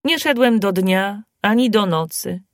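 Excitable little dwarf man read by a woman, raised emphatic voice, storybook, dry recording. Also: a little high, measured pace, no room sound, pitched above the performer's own voice. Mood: indignant, pleading. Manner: loud, emphatic and indignant. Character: bold, excitable male dwarf.

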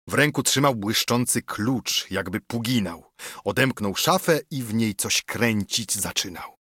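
A man narrating an epic poem in verse, reading in a measured, rhythmic way. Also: on the low side, fairly bright tone, breathy edge, no room sound, studio quality.

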